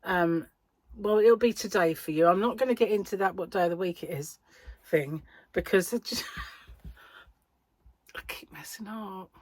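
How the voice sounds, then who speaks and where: A British woman with a slightly low voice talks in a casual, meandering vlog style. She has a slight speech impediment, so the odd word does not form cleanly. The sound is close and dry, and her manner is chatty and self-deprecating. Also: normal speed, a little mellow, dry recording. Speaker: crochet vlogger and yarn shop owner. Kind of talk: casual rambling vlog chat.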